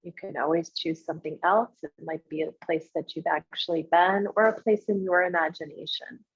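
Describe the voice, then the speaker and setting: A woman leading a guided visualization as a meditation guide, speaking in short, unhurried instructional phrases with pauses between them, in a slightly husky voice. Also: lowish voice, fairly even intonation. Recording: muffled, roomy, echoey sound.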